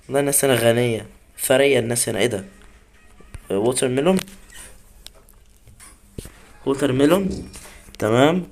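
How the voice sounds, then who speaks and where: A man's voice: medium pitch, creaky. Chatty Egyptian man narrating his gameplay. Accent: Egyptian Arabic. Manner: chatty, talks to himself and viewers while playing. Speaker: gaming YouTuber. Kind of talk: casual gameplay commentary.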